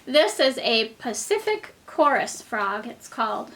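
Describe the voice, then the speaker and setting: A woman's voice: fairly high pitch, very animated, measured pace, fairly bright tone. A woman reading a children's book aloud as a teacher to very young children, with simple explanations, questions and asides, as if reading to a toddler. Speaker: kindergarten teacher.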